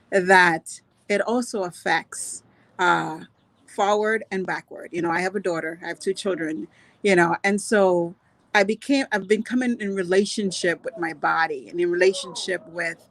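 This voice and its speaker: A woman's voice: mid-range voice, a bit bright, no room sound. A woman, born in Grenada, telling a personal story earnestly and unhurriedly on a video call, with many "you know"s. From Grenada, raised in Trinidad and Tobago. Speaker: guest speaker.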